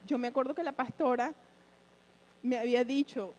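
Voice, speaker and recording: Woman, fairly high voice, church testimony, earnest, breath short with emotion, talks straight to the congregation. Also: fairly even intonation, moderate pace, darkish tone, rough recording. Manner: earnest, addresses listeners directly. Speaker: church member giving a testimony.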